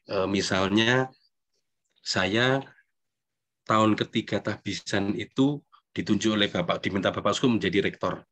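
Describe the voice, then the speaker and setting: A middle-aged priest giving a recollection talk in a conversational, self-deprecating way, with frequent tag questions. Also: male voice, lowish voice, normal speed, long pauses, a bit bright. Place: church hall.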